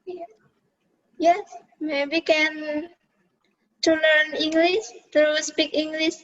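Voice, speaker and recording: A woman student answering in halting English, hesitant and pausing often. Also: high voice, flat delivery, fairly bright tone. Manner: hesitant, many pauses and fillers. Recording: dull lo-fi video call audio.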